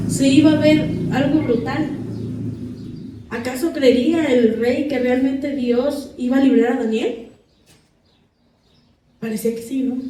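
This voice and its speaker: A woman preaches a sermon in a high, mellow voice. She reads scripture aloud and keeps asking the congregation questions. Her voice comes from far off in an echoey hall. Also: a little hiss or hum.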